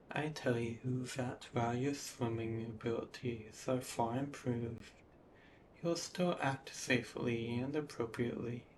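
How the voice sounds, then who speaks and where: Slow, even-toned man guiding hypnosis, noisy background. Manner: soothing, measured, with drawn-out pauses. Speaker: hypnosis narrator. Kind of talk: scripted guided hypnosis narration. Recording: steady background noise, low rumble.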